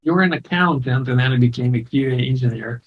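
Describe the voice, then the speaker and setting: A man's voice: medium pitch, fast talker, highs cut off. A man hosting a casual online interview, upbeat and chatty, laughing easily. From came to the US in 2009. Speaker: host and course founder.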